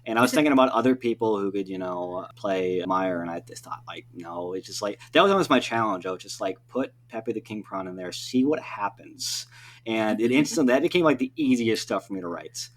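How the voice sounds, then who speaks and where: A man with a lowish voice speaks animatedly and a little fast as a guest in a casual podcast interview. He rambles, cuts off his own sentences, and sprinkles in filler like "you know" and "like." The recording is clear but has background noise with a hum.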